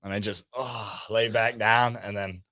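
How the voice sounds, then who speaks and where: A man who is a guest on a casual podcast, talking quietly with dry wisecracks. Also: on the low side, steady tone, measured pace.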